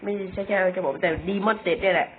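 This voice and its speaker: A man's voice: sits high, fairly even intonation, brisk. Chatty young man with tinny audio. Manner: chatty, self-mocking, stumbles and repeats words. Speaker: gamer. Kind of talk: casual gameplay commentary. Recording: tinny phone-like audio with faint noise.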